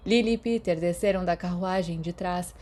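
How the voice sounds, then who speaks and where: Reading fan fiction from a script, a Brazilian woman narrates in the manner of an audiobook reader. Her mellow, soft-edged voice sits slightly low for a woman, and she keeps a moderate pace.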